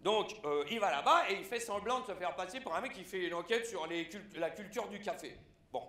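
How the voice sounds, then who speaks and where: A man performing a satirical press review on stage, animated and breaking into shouted punchlines. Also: high voice, brisk, roomy sound. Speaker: stand-up satirist. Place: theatre stage.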